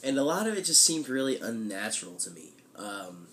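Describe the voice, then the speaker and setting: A man's voice: medium pitch, very animated, a little fast, slight background noise. A man with a congested, blocked-nose voice from a head cold, like he has tissue up one nostril, chatting casually and loosely as a vlogger. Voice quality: stuffy, blocked-nose sound. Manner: conversational, loose, frequent "you know". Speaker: weekly vlogger. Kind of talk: casual chat to camera.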